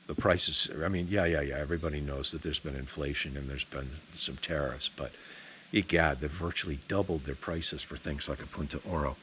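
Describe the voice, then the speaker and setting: In an extremely low, steady voice that's brisk and fairly bright, a man rambles casually to camera as a pipe tobacco vlogger, sounding opinionated and folksy. There's a little hiss or hum.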